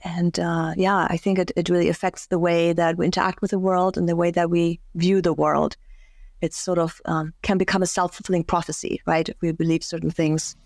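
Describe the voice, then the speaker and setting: A woman's voice: on the low side, flat delivery, brisk, a little mellow, dry recording. A woman from Germany, a career and life coach, talking reflectively as a podcast guest, with many restarts and fillers.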